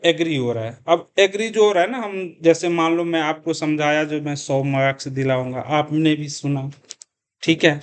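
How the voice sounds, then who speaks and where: A male commerce teacher lecturing a class, asking questions and answering them himself, repeating key terms and mixing English words into his speech. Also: fairly high pitch.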